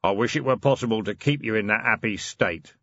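A man doing a deep, grave hooded stranger. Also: a bit bright, dry recording, muffled recording. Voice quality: deep, measured and solemn. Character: hooded broad male stranger, grave and mysterious.

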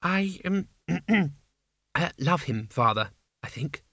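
A man's voice: on the high side, lively intonation, slow pace, no echo, studio quality, pitched above the performer's own voice, exaggerated voice. Isabel, a man voicing a timid young woman. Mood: nervous. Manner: hesitant, soft. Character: Isabel, nervous young woman, Death's daughter.

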